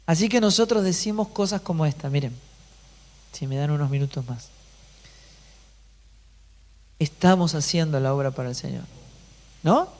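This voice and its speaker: A pastor delivering an emphatic sermon, often putting rhetorical questions to the congregation. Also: male voice, on the high side, fairly quick, darkish tone.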